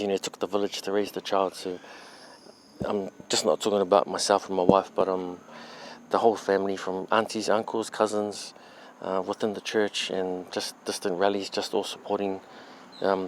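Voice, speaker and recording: Dad talking about his kid, earnest, low and flat, bit of noise behind. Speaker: father of the player. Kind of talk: interview.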